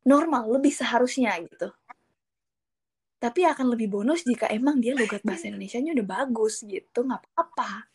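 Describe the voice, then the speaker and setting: A woman speaking as a guest in a casual chat about learning Japanese, animated and acting out what other people say. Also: fairly high pitch, fairly quick. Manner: animated, acts out quoted speakers.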